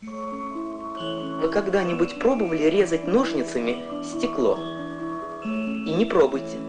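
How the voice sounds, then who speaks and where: A newsreel narrator reads a scripted educational documentary for young viewers in a storytelling style. His mid-range voice is very animated and slow-paced, set against prominent music.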